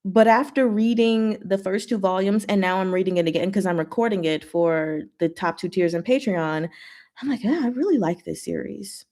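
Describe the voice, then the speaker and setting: Here a stream host with a mid-range voice goes through viewer comments at a normal speed in a casual Q&A. Her answers come with giggles, lively side remarks, and punchy single-word judgments.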